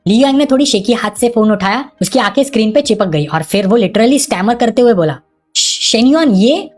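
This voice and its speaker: A woman races through a manhwa recap in brisk storytelling, keeping a steady middle pitch. Faint music plays under her voice throughout. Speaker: narrator.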